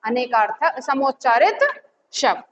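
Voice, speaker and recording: Woman teacher, high voice, questions and answers to the class; echoey, slightly dull recording with faint hiss. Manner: asks the class questions and answers them herself; repeats key words slowly. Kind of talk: classroom lesson.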